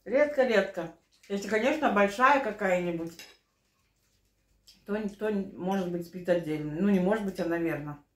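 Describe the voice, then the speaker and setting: A middle-aged woman makes relaxed small talk at the table in a medium-pitched voice. The room is clearly echoey, with cutlery and dishes clinking. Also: moderate pace. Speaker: mukbang vlogger. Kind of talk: casual chat over a meal. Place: small living room at home, indoors. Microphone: camera across the table.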